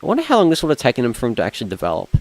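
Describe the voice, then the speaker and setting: Speaking very fast with huge swings in pitch from a medium base, a young Australian man streams himself playing a racing game. His commentary is casual and rambling, a stream of thinking aloud that often trails off before sentences finish.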